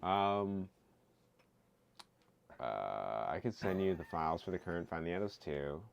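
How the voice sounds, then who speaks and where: A man's voice: deep voice, lively intonation, unhurried, gravelly, a little hiss or hum. A young man hosting a stream, chatting casually and telling rambling stories, laughing often and swearing freely. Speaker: streamer host. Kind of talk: casual chat.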